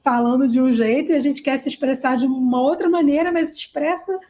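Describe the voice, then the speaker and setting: High-voiced Brazilian woman explaining. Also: fairly even intonation, fairly quick, dark tone. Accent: Brazilian Portuguese. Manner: emphatic, addresses listeners directly. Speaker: speech therapist guest. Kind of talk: explanatory interview talk.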